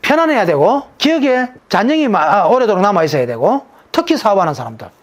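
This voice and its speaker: Lively, lecturing male monk. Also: high-pitched, quick pace. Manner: lecturing, asks rhetorical questions and answers them himself; drops into a casual, emphatic sentence ending. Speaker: Buddhist monk who gives naming advice. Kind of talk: explanatory talk in an interview.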